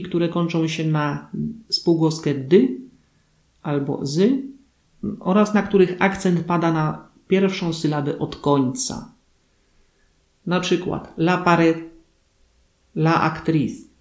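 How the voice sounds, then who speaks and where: A man giving a scripted grammar lesson, explaining rules clearly and reading out examples. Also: fairly high pitch, a little slow, darkish tone. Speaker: language teacher. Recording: echoey room.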